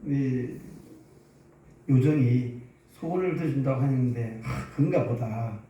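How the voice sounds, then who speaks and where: Man doing a grumbly starving woodcutter, dark mellow tone, far off echoey. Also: mid-range voice, a little slow, dull audio, lightly acted. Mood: puzzled. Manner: whiny grumbling. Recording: echoey hall from afar.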